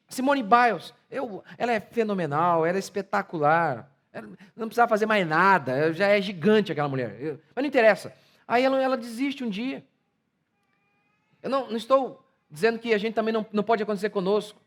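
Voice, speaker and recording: High-voiced emphatic Brazilian pastor. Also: male voice, a bit bright. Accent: Brazilian Portuguese. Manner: emphatic, rhetorical questions, mocking impressions. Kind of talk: sermon.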